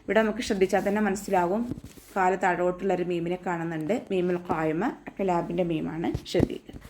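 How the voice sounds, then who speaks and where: A woman with a Malayali accent leads an online Quran recitation lesson. She explains pronunciation rules patiently, one letter at a time. She regularly chants the verses slowly as examples for her students. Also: on the low side, little pitch movement, background noise.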